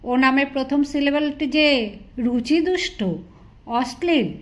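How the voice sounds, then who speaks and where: Woman voicing a shocked prudish gentleman. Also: high voice, slow. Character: prim, scandalized Bengali gentleman friend.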